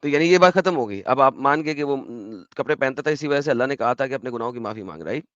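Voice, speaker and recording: Man, debate host, pushy rapid-fire arguing, lo-fi muffled sound, dead-dry. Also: medium pitch, lively intonation, fairly bright tone, no echo. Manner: pressing, rapid-fire arguing, quoting chapter and verse. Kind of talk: heated debate on a call. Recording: dull, dry lo-fi audio.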